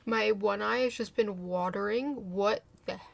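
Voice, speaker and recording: A woman in her twenties, nose stuffed up from a cold, rants frankly to her camera in a casual vlog, rambling and poking fun at herself. Her mid-range voice has vocal fry and an unhurried pace.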